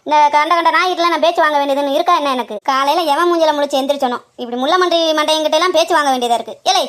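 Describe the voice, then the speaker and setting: A woman's voice: high-pitched, steady tone, quick pace, fairly bright tone. A woman voicing a bossy older village woman herding cows, nagging and scolding in a cartoon comedy. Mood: furious.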